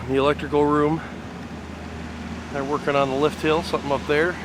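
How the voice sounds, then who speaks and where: A man's voice: fairly high pitch, level tone, a little fast, noisy background. A man hosting a casual walking tour of an outdoor construction site, talking enthusiastically with lots of fillers. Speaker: fan site video host.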